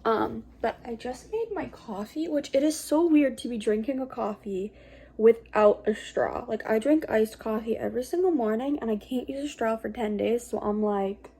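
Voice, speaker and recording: A young woman talks through a casual vlog update in a somewhat high voice. She rambles informally, hesitating and circling back as she goes. The delivery is unscripted and conversational. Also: normal speed, warm tone, slightly rough. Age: young adult. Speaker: vlogger.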